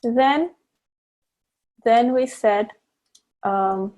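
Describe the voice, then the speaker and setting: Speaking very slowly in a slightly high, somewhat mellow voice, a woman guest presenter walks a live video-call class through essential oil blending step by step. Fillers and restarts come up often.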